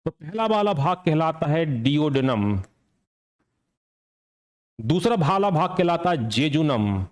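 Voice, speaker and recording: Higher-voiced man teaching an exam lecture. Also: big pitch swings, takes it slowly. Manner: asks and answers his own questions; repeats key points for drilling.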